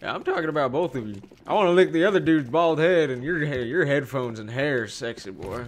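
A man's voice: fairly high pitch, animated, a little fast, a little hiss or hum. A young man gamer in casual voice chat, teasing another player with crude, playful jokes.

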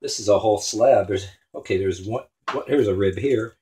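A man's voice: lowish voice, moderate pace. A man hosting a home cooking show, talking casually and crudely while he cuts meat in a small kitchen, picked up by a camera on the counter. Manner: crude, joking, talks while chopping. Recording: clattering kitchen noise behind.

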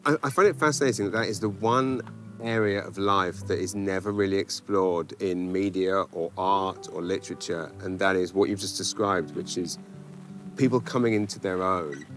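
An English man in his forties with a lowish voice, hosting an interview with eager energy and frequent warm affirmations. He is outdoors in a garden, with soft music faintly beneath him. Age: 40s. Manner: lively, enthusiastic, quick to affirm. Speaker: host and interviewer. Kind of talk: interview conversation.

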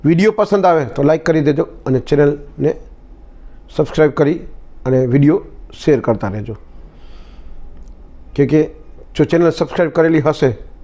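A man's voice: fairly high pitch, warm tone. A man hosting his own channel, telling a motivational story in a casual, conversational way and often repeating "he said" as he retells the dialogue.

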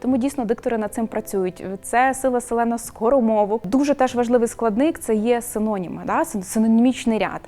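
A woman's voice: a little high, fast, hardly any pauses, dark tone. A woman, a media professional, speaking in a casual interview, hesitant with many fillers and restarts.

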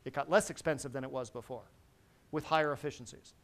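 At a technical symposium, a middle-aged presenter lectures a seated audience in a large conference hall. He talks fast at medium pitch, staying lively and constantly checking in, quizzing listeners with frequent "right?".

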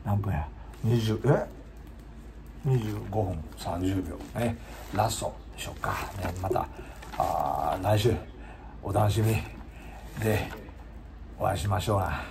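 Hoarse gravelly Kansai man, slow. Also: fairly low pitch, heavy background noise. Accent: Kansai Japanese. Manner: unhurried, rambling, polite to viewers. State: hoarse, voice giving out. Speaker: singer-guitarist streamer. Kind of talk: casual chat to viewers between songs.

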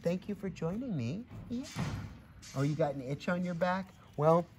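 A middle-aged man whose voice sits high reads a picture book to children at normal speed, outside in a grassy farmyard near a barn. His reading is lively and encouraging, and he speaks directly to the children and an animal in friendly asides. Clear outdoor ambience comes with slight background noise.

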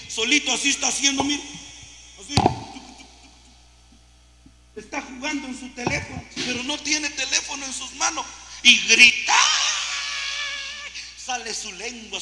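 Male preacher, high bright voice, emphatic sermon delivery, echoey hall with faint hum. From Guatemala. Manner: emphatic preaching, often switching between loud exhortation and hushed asides. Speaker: lay preacher.

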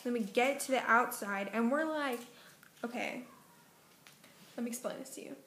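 A woman's voice: fairly high pitch, normal speed, fairly bright tone, echoey room, slight background noise. A young woman vlogger, just woken up, telling a long dream in a casual, meandering way full of fillers and self-corrections. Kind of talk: casual rambling story.

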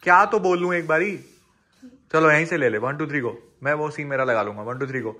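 High bright-voiced exasperated man. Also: brisk. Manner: exasperated, bossy, counting takes. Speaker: vlogger. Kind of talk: casual vlog banter.

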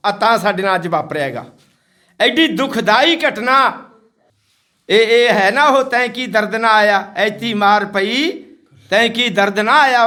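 A man's voice: very high voice, pushed and bright. A man from Haryana, a social activist, giving an impassioned, scolding speech to villagers outdoors. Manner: indignant, scolding, repetitive.

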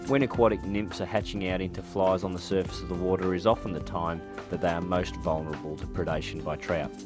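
A man with a very deep voice gives calm, measured documentary narration. He explains each step steadily, like a scripted voice-over. Loud music plays under his voice throughout.

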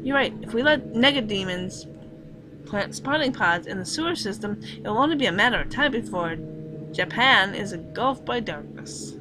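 A woman's voice: medium pitch, expressive, normal speed, background noise, natural voice. Woman reading as a coy teasing schoolgirl. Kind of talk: reading a visual novel aloud.

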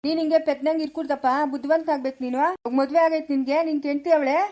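A woman's voice: high voice, steady tone, rapid-fire, warm tone, lightly acted. A woman playing a stern village grandfather. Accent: rural Chikkaballapura Kannada. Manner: scolding, advising in a firm lecturing tone. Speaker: village family skit actor. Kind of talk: homemade village drama.

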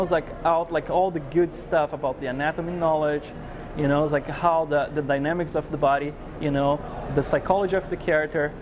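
A man's voice: fairly high pitch, background noise. Brazilian-accented man rambling with fillers. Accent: Brazilian Portuguese. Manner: rambling, many fillers like "you know, it's like". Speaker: guest artist. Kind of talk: casual interview answers. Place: large glass-walled conference hall. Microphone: lapel mic.

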